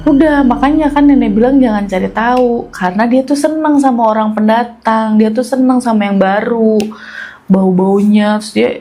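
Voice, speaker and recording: A woman's voice: fairly high pitch, moderate pace, mellow, soft background music, low-quality recording. A woman casually telling a personal ghost story to a podcast host, chatty, often turning to address him. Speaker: guest storyteller.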